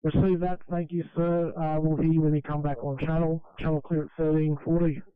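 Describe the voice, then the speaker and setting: A man's voice: fairly high pitch, flat delivery, a little fast. A man working as an emergency operations dispatcher, speaking in procedural style over two-way radio. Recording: narrow, tinny emergency radio channel.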